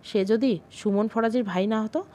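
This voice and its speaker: Soft, reassuring young wife in an audio storybook, voiced by the female narrator. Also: a little high, steady tone, normal speed, lightly acted. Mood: gentle.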